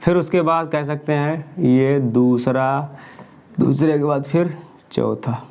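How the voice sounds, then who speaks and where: A man's voice: a little high, takes it slowly, creaky, darkish tone. A man teaching a Hindi grammar lesson, asking questions and answering them himself while he drills pairs of syllables.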